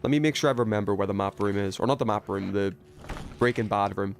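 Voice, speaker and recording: A man with a lowish voice hosts a video game livestream, talking fast, rambling and thinking out loud as he chats casually and reads viewer messages. Faint music plays behind him.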